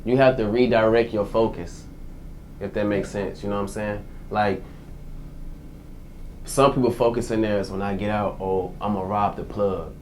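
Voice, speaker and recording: A man's voice: fairly low pitch, fairly even intonation, normal speed, a little mellow, a little hiss or hum. A man in his twenties answering interview questions casually, with slang and repeated phrases. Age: 20s. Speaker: guest, formerly incarcerated entrepreneur.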